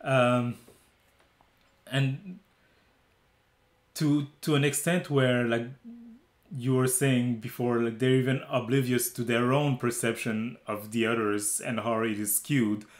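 A man's voice: mid-range voice, fairly even intonation, slow pace, echoey room. A man co-hosting a movie review talk, thinking aloud with fillers and restarts. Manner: thoughtful, hesitant with fillers. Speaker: movie review podcast co-host. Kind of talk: casual conversational film review.

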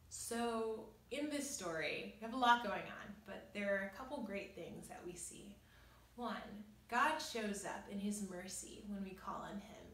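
A young woman with a fairly high, fairly bright voice hosts informal, earnest Bible teaching, reading and explaining scripture conversationally with emphatic pauses. She's recorded in a small, bare, echoey room by a camera a few metres away.

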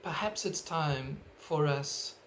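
A middle-aged South African pastor gives an earnest sermon from home in a voice a bit high for a man, fairly bright in tone. He moves through his points in measured, emphatic steps. The webcam sits at desk distance, with a faint hum of room ambience underneath.

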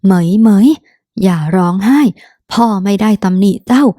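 A woman voicing a stern but softening noble father in an audiobook, speaking calmly and measured. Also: medium pitch, dry recording, clean studio sound, natural voice. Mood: gentle. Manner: calm, measured, admonishing. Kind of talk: audiobook character voice.

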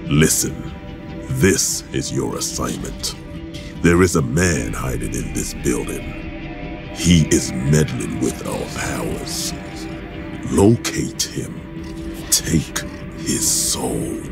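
A chillingly commanding demon lord from a video game, his voice disguised and dropped into a cavernous, gravelly bass. He delivers every word slowly and deliberately, like a final verdict. Game music plays clearly behind him. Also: animated, heavily acted. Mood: menacing. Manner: slow, measured, menacing pronouncements. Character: ominous demonic male overlord, cold and commanding. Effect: disguised, pitched-down deep demonic voice. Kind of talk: video game cutscene voice acting.

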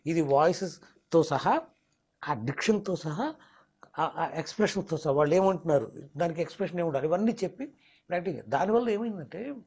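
A man's voice: a little high, animated, quick pace, pauses often, a little mellow, husky. A mimicry artist, explaining his craft in an interview and slipping into demonstration voices. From Telangana, India.

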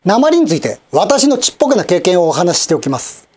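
A middle-aged man hosts his own channel in a formal, measured newsreader manner. His pitch moves in lively swings, and he slips in dry, wry asides. His tone stays polite and composed throughout. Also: husky. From Japan, Osaka and Kochi. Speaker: channel host and commentator. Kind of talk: scripted news-style commentary.

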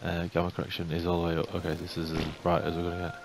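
A young man giving casual game commentary, chatting to the animals in the game and getting jumpy and excitable. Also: low-pitched, racing, vocal fry, music in the background. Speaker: gaming YouTuber. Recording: faint hiss.

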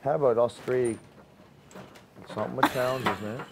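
A man's voice: mid-range voice, steady tone, normal speed, gravelly, husky. A man in his twenties in tipsy, slangy, profane casual banter. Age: 20s. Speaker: reality show housemate. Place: indoor bedroom, lounging in bed. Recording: noisy room, clicking microphone.

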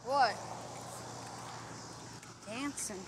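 A young woman hosting casual gameplay chat outdoors, excitable and jokey. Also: a little high, drawn-out words, very noisy. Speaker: channel host playing a mobile game. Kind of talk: casual chat while walking.

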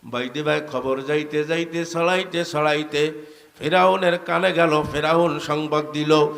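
A man's voice: a little high, fairly even intonation, unhurried, vocal fry, fairly bright tone, in a large hall. A man preaching a sing-song sermon, calling on the crowd to respond, speaking into a microphone at an outdoor tent gathering. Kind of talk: chanted Islamic sermon.

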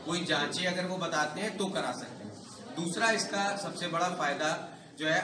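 A middle-aged man, a hospital doctor, explaining step by step at a press conference in an indoor hall. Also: a little high. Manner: formal, methodical, lists points in order. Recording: echoey hall, distant mic, clear room noise.

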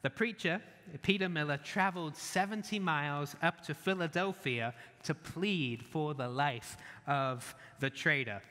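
A man preaching a church sermon in an earnest way, then leading a quiet prayer. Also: fairly high pitch, measured pace, long reverb tail. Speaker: pastor. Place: church sanctuary.

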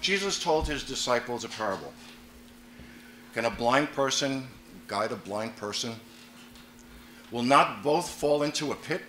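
A man serving as priest, reading the gospel at Mass in a measured, solemn way, with a cathedral echo around his voice. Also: mid-range voice, bright, forceful tone, a little hiss or hum. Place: large church. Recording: echoey church, voice from afar.

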